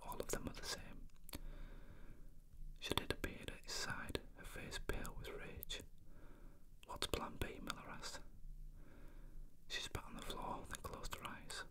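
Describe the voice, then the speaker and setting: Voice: unhurried, long pauses. A person reading a novel aloud in an unvoiced whisper, as ASMR narration. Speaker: reader.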